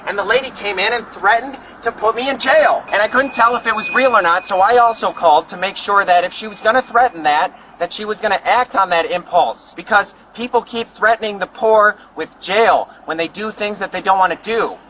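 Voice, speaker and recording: A man's voice: sits high, brisk, hardly any pauses, bright, forceful tone, a little hiss or hum, low-quality recording. A man arguing as a street protester, agitated and swearing, talking over the other speaker. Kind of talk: heated argument.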